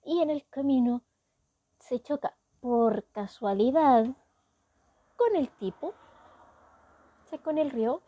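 A woman's voice: high voice, expressive, slow, pauses often, no room sound, dull audio. A woman with a Chilean accent casually recapping a story, chatty and wry with indignant asides. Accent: Chilean Spanish.

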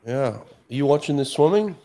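A male host runs a casual live stream, chatting with callers in a laid-back, upbeat way and calling them champ and mate. His mid-range voice is animated, brisk, and warm.

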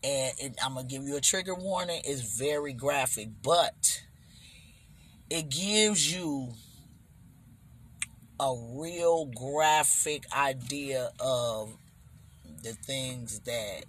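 A middle-aged man hosting a casual podcast chat, animated, who keeps checking that listeners follow him. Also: mid-range voice, takes it slowly, long pauses, a little hiss or hum. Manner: animated, keeps asking "you understand?". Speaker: podcast host.

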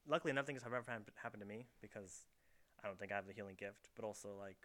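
Fast-talking bright young man rambling. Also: lowish voice. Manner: rambling storyteller, heavy on fillers. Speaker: podcast host. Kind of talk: casual chat. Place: his bedroom. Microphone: camera set up in the room.

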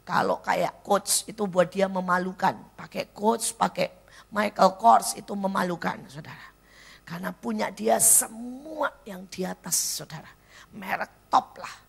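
Gravelly, husky Indonesian woman preaching a sermon. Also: medium pitch, unhurried. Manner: blunt, swings from hushed near-whispers to loud exclaims. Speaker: evangelist preacher. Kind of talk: church sermon. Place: church service.

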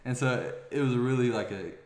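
A man's voice: medium pitch, normal speed. A young man, a former quarterback, tells a long story in a casual interview, rambling with restarts. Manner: rambling, many restarts, grows excited. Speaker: former college quarterback guest. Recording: echoey room.

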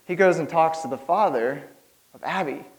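A man's voice: a little high, moderate pace, poor audio. A young man giving an informal church sermon, rambling nervously with lots of fillers and laughs.

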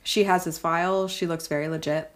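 Brief: woman podcast co-host, slightly low voice, talkative, filler-heavy, keeps asking "right?". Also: fairly even intonation, brisk. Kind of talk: casual film discussion chat.

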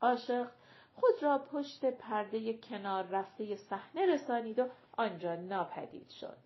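A woman narrating a short story as an audiobook reader, measured and even. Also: fairly high pitch, lo-fi sound. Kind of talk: scripted narration.

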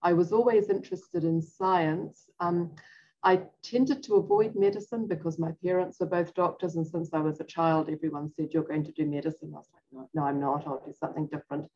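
Low, flat-voiced New Zealand woman. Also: slightly rough, dull audio. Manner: measured, frequent ums, self-deprecating asides. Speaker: physician-scientist guest. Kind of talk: interview, career story.

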